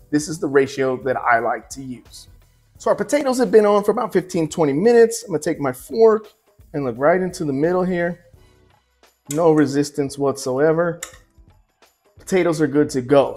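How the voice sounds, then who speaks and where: A man in his forties walks viewers through a recipe in his home kitchen, relaxed and chatty, often checking in with a quick "right?". His voice sits a little higher than most men's. Soft music plays faintly under the talk. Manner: easygoing, chatty, tosses in asides and "right?". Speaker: cooking show host. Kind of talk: relaxed cooking demonstration.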